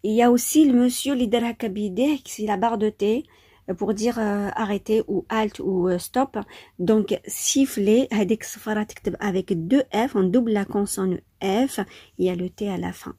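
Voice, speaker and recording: A woman's voice: mid-range voice, a little fast, warm tone, slightly rough, no room sound, clean studio sound. A woman teaching French spelling in an informal, chatty lesson, with frequent hesitations and enthusiasm. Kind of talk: informal vocabulary lesson, mixing French and Arabic.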